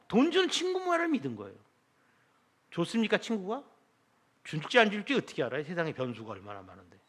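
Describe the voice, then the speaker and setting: A man's voice: high-pitched, fairly bright tone. A middle-aged man preaching a Sunday sermon as pastor, telling a story and acting out its dialogue. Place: church sanctuary.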